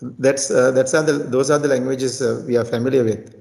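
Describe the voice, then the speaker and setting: A man's voice: mid-range voice, fairly even intonation, brisk, gravelly, a little mellow. Sri Lankan man, thirties-ish tutor, casual practice chat, hesitant with many restarts. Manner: hesitant, repeats words and restarts often. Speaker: tutor and teacher.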